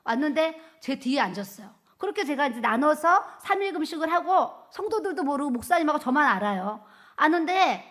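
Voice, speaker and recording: Woman pastor telling a testimony, higher voice. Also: fairly quick. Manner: lively storytelling, acts out quoted speech. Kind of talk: testimony sermon.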